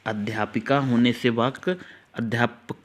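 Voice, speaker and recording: Man teaching, slowly spelling out words. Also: mid-range voice, fairly even intonation. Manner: explains step by step, repeats key words slowly; talks directly to students, urging them to note things down. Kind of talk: exam-prep grammar lesson.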